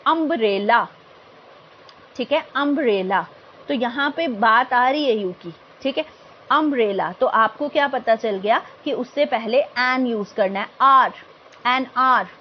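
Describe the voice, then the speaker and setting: A woman teaching English grammar, explaining in Hindi mixed with English, checking in often with her students and reading example phrases slowly and carefully. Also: fairly high pitch. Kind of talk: explanatory grammar lesson for exam aspirants. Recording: dull lo-fi home recording, faint background noise.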